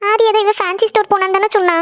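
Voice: very high-pitched, level tone, very fast, fairly bright tone, dry recording. A voice actor playing a suspicious mother in a cartoon, grumbling to herself. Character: suspicious scolding middle-aged mother. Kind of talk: cartoon voice acting.

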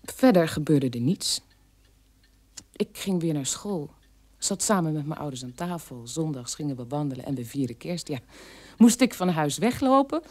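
An actress, voicing the war criminal's bitter grown daughter, recalls her childhood in a halting, emphatic radio play monologue. Her voice is low and darkish, her mood resigned and questioning.

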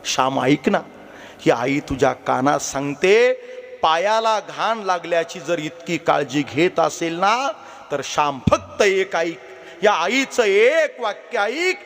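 A man's voice: fairly high pitch, expressive, measured pace, fairly bright tone. A man kirtan preacher telling a devotional story and urging the audience to listen. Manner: emphatic, repeatedly calls the audience to listen. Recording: long hall reverb.

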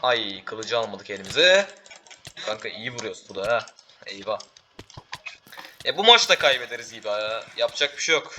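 A teenage boy giving excitable live commentary while playing a game, calling out to teammates and viewers. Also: on the low side, normal speed, long pauses, slight background noise. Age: teens. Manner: excitable, talks to teammates and viewers, frequent exclamations. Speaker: gaming YouTuber.

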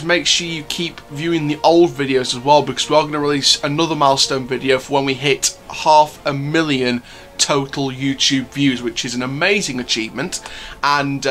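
A man's voice: medium pitch, a bit bright. A man hosting a theme park news channel, talking to viewers in a chatty, enthusiastic fan style. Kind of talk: casual news commentary.

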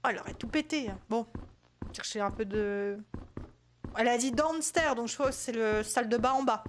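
A French woman streamer talks her viewers through a horror game, reacting out loud to every scare. Her voice sits high for a woman and has a faint hiss behind it. She is chatty and jumpy, keeping up a running commentary. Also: normal speed. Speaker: gaming streamer. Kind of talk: casual let's-play commentary.

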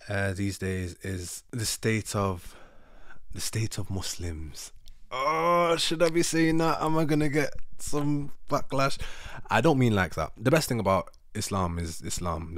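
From the sofa in his living room, a man in his thirties, natively an Urdu speaker, vlogs in a loose, reflective ramble full of self-corrections. A handheld microphone held close captures his low voice cleanly, studio-style, with no room sound.

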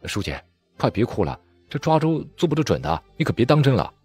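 A man voicing a playful young man of about twenty who speaks sheepishly and haltingly. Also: fairly low pitch, big pitch swings, a little mellow, slightly rough, soft background music. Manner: sheepish, hesitant.

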